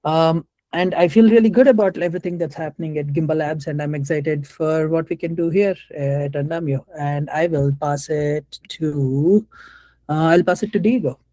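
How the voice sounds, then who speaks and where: A man with a fairly high but mellow voice gives his check-in on a video call. He sounds sincere and plain. The audio is dry. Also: normal speed, no echo. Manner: relieved, sincere. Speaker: project builder. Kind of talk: casual online meeting check-in.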